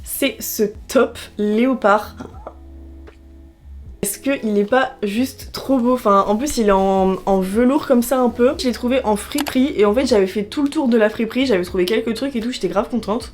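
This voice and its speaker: A woman's voice: fairly high pitch, darkish tone. A young woman, chatting casually to camera about her thrift haul, rambling with lots of filler words. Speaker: fashion vlogger.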